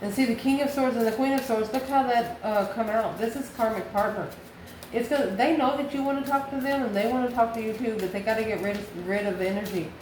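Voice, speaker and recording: With a fairly high pitch and a slightly fast pace, a US woman who hosts a tarot channel reads intuitively for the viewer. She thinks aloud in short, repeated phrases and questions, recorded in an echoey room with clear background noise.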